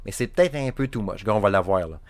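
A young man with a Saguenay Quebec French accent chatting casually about video games as a podcast co-host, animated and rambling, with plenty of restarts. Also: lowish voice, fast talker, crowd noise. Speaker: podcast co-host, game reviewer. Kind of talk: casual chat.

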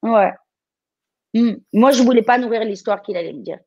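A woman's voice: fairly high pitch, normal speed, vocal fry, mellow, dry recording, muffled recording. French woman coaching, direct and encouraging. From France. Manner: direct, encouraging, many restarts. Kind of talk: live coaching session.

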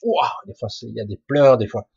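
A man with a husky, rough voice giving an informal spiritual talk to online listeners, halting yet emphatic, in colloquial, earthy wording. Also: medium pitch, very animated, darkish tone, dry recording, muffled recording. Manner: halting and emphatic, with colloquial swearing and sound-effect words. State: coughing now and then. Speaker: spiritual teacher answering listeners' questions live.

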